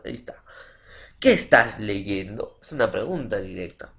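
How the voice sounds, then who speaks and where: A man's voice: fairly low pitch, expressive, moderate pace, gravelly, fairly bright tone. A man from Peru teaching a secondary school grammar lesson, repeating definitions and calling his students "jóvenes" with frequent "pues" and "ya".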